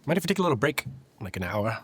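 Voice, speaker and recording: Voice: medium pitch, sing-song, rapid-fire, husky. A tabletop game player bantering casually with the group at the table.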